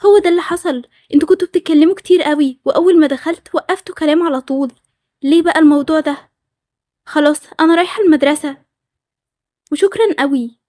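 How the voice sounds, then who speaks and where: A woman's voice: sits high, quick pace, long pauses, darkish tone, no echo, clean studio sound, close to an everyday voice. A woman with an Egyptian accent voicing a touchy, suspicious schoolgirl who keeps accusing people. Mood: indignant. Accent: Egyptian Arabic. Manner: accusing, indignant. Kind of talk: storytelling over animated game scenes.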